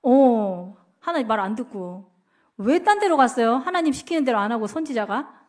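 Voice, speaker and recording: A woman evangelist leads a Bible lesson in a loose, chatty way, asking the class question after question. Her voice sits somewhat high for a woman. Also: lively intonation, normal speed.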